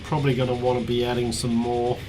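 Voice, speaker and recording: An Australian man thinking aloud as he plays a strategy game, counting quietly under his breath, his voice worn and starting to go. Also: medium pitch, flat delivery, fast, noisy background. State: losing his voice. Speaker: let's play host. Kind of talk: casual gameplay commentary.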